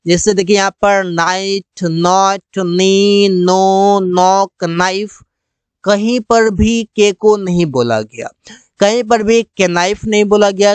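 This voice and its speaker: A teacher explaining English silent-letter rules in Hindi, slowly repeating each rule and example word. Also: medium pitch, clean tone, no room sound.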